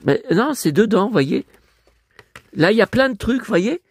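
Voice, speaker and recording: A hoarse man talking to his viewers at home, showing off his finds as a collector. He rambles, grumbles, swears often and keeps addressing the audience. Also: high voice, sing-song, measured pace, dry recording, clean studio sound. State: hoarse, voice worn out. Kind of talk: rambling vlog talk to viewers.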